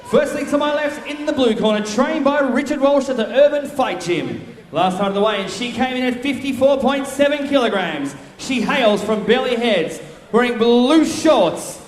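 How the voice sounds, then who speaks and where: Man, ring announcer, booming and pumped, very high pitch, formal announcements, echoing venue PA. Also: animated, normal speed. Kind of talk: formal fight announcements over a PA. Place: large indoor fight venue. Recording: echoey hall PA with long reverb.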